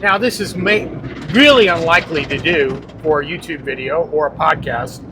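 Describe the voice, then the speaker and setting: A man's voice: a little high, moderate pace. A man hosting a casual gadget review vlog, talking over the noise inside a car wash on a wireless microphone. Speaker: podcast host. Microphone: wireless clip-on microphone. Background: loud car wash machinery and water.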